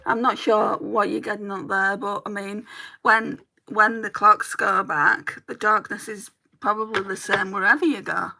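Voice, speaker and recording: A woman from Lancashire, England, streams her makeup routine, chatting casually in a Lancashire accent and replying to viewers' comments. Her mid-range voice is steady, moderate in pace, creaky, pushed, and bright. The audio quality is poor.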